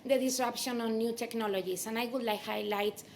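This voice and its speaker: A woman's voice: a little high, steady tone, moderate pace, a little hiss or hum. A woman from Spain with a Spanish accent gives a conference keynote as a native Spanish speaker. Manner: non-native English with Spanish phrasing. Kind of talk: conference presentation.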